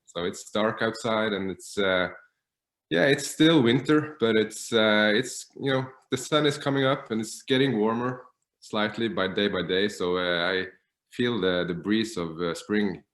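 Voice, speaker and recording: A man's voice: lowish voice, measured pace, a bit bright, reverberant. A man in his thirties from northern Norway, a native Norwegian speaker, talking casually as an interview guest with many hesitant fillers. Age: 30s. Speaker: guest guitarist.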